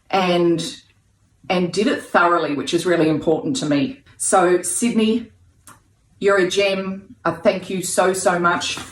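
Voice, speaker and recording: A woman giving an excited testimonial about her book, out of breath and gushing with delight. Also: on the low side, roomy sound. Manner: gushing, elated.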